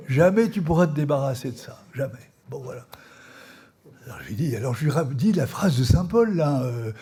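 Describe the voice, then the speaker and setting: Mellow, husky-voiced man telling a story. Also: a little high. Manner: storytelling with many fillers and soft chuckles. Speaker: priest giving a training talk. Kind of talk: anecdotal spiritual teaching. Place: live session before an audience.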